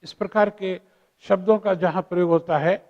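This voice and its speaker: A man's voice: high voice, fairly even intonation, moderate pace, highs cut off. Middle-aged male lecturer, repeats his phrases, recites verse; long reverb of a hall. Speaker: Hindi literature teacher. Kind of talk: lecture on figures of speech.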